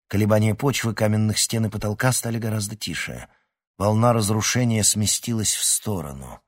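A man narrating an adventure story in a steady, dramatic reading voice. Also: on the low side. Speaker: audiobook narrator. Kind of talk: scripted narration.

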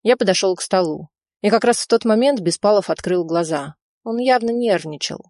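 A woman reading a first-person audiobook in an even, steady storytelling manner. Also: medium pitch, a little fast, dry recording, clean studio sound. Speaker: audiobook reader.

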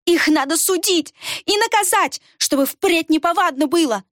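A woman's voice: animated, moderate pace, a bit bright, no echo, clean studio sound. A woman voicing a spiteful young village girl who wails and shrieks accusations. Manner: shrill, wailing accusations.

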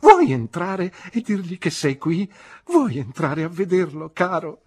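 A woman's voice: fairly low pitch, big pitch swings, unhurried, darkish tone, breathy edge, voice pushed up, full character voice. A woman voicing an elderly, homely nursemaid who speaks tenderly and emotionally. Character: warm old female nurse, emotional, homely.

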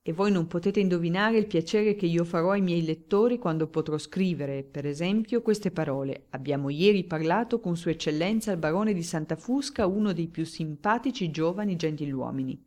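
A woman voicing a talkative, flattering male newspaper journalist in an audiobook, speaking in a glib, declamatory way. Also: on the low side, normal speed, hardly any pauses, close to an everyday voice. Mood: eager. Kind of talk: audiobook character reading.

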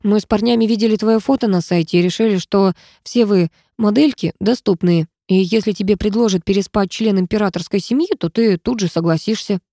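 A woman's voice: mid-range voice, brisk, hardly any pauses, mellow, dry recording, clean studio sound, natural voice. A woman voicing a blunt young aristocratic male student who speaks frankly. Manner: blunt, plain-spoken confessions.

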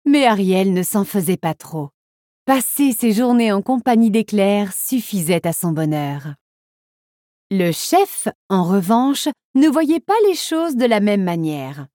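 A woman narrating a children's storybook with an expressive, lively reading. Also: medium pitch, takes it slowly, no room sound, clean studio sound.

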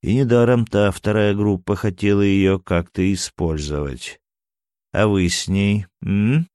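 A man's voice: lowish voice, steady tone, unhurried, a little mellow, clean tone, dry recording, studio quality, natural voice. A man doing a sly, mocking cynic. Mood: teasing. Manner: sly, teasing.

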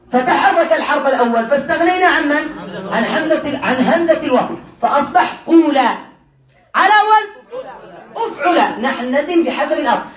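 A male teacher giving a classroom grammar lesson, explaining step by step and often laughing as he checks whether students follow. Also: very high voice. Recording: echoey room, mic far away.

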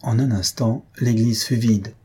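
A man reading a French short story aloud as narrator, measured and dramatic, lifting his voice for the characters' shouts. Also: medium pitch, steady tone, breathy edge. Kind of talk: scripted audiobook reading.

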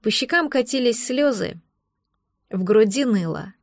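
A woman's voice: on the high side, animated, unhurried, no echo, studio quality. Woman narrating a fantasy audiobook.

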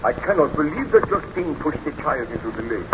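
A man's voice: fairly high pitch, expressive, fairly quick, close to an everyday voice. A man playing a tormented aristocratic baron in a 1930s radio serial, with formal, grave melodrama. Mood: grave concern. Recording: dull, noisy vintage radio recording.

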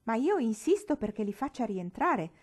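A harsh, bullying gentleman barks his orders in a raised, strained voice, loud and pitched high with rage, as a woman reads him in an audiobook. The tone is mellow underneath the shouting. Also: fairly quick, natural voice. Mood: furious. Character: furious middle-aged gentleman, harsh and bullying.

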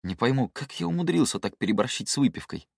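A man's voice: mid-range voice, very animated, fast talker, creaky, slightly rough, no room sound, studio quality, voice pushed up, full character voice. A man voicing a young drunken male cultivator, sulky and sardonic, who mumbles and grumbles.

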